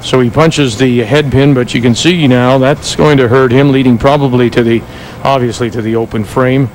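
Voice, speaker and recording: A man's voice: mid-range voice, fairly even intonation, moderate pace, low-quality recording. A man doing play-by-play commentary for televised bowling, conversational and full of asides. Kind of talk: sports commentary. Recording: TV broadcast with crowd and noise.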